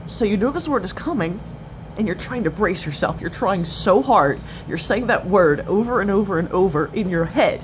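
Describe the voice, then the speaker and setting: A woman of twenty-eight talking confessionally in halting, broken-up phrases, with an occasional stutter. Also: mid-range voice, lively intonation. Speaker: person sharing experience of stuttering in a video. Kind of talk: personal confessional talk. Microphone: cell phone. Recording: noisy cell phone recording.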